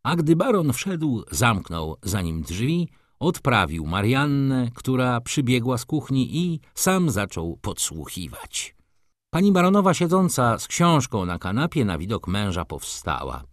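A man narrating a classic novel in an expressive, theatrical storytelling manner. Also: mid-range voice, a little slow, no echo, clean studio sound. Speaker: audiobook narrator.

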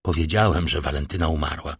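A man voicing a grave, watchful doctor in an audiobook, talking low, solemn and ominous. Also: sing-song, slow pace, husky, dry recording, studio quality, heavily acted. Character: grave, watchful male doctor of a grand house. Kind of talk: audiobook character reading.

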